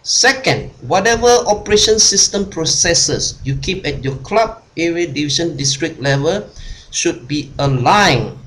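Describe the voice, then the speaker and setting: A man's voice: on the high side, lively intonation, unhurried, a bit bright. A man coaching a group over a video call, repeating his points and tagging them with "huh?". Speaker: speaker and coach. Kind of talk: online workshop talk.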